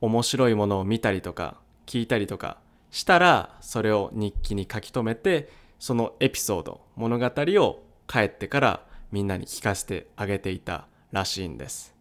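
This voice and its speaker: A man's voice: fairly low pitch, lively intonation, normal speed, few pauses. Man hosting a language-learning podcast. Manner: clear, explanatory, frequent soft "un" fillers. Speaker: podcast host teaching Japanese. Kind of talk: solo educational podcast monologue.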